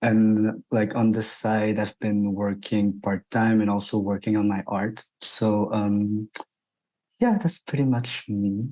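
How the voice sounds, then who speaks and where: A man's voice: on the low side, steady tone, slow pace, warm tone, poor audio. A man in his twenties from Quebec, chatting as a radio guest in a hesitant way, with many fillers. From Quebec, Canada. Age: 20s. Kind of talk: casual radio interview.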